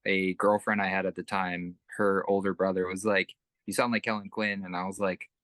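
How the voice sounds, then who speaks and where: Young male band musician, interview guest: deep, edgy tone, dry close sound, rambling with fillers. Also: flat delivery, normal speed, fairly bright tone, dry recording. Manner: rambling, many fillers and restarts. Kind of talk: casual interview chat.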